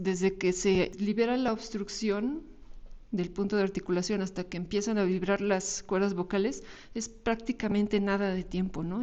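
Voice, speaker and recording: A woman's voice: mid-range voice, darkish tone. A woman with a Mexican Spanish accent giving a recorded university lecture over slides, explaining patiently and often checking in with tag questions. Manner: explanatory, frequent tag questions and small restarts.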